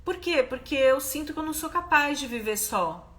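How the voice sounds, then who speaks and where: A woman's voice: sits high, lively intonation, normal speed, fairly bright tone. A Brazilian woman hosting a live stream, talking emphatically and stressing points with repeated questions. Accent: Brazilian Portuguese. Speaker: host of a live stream, therapist.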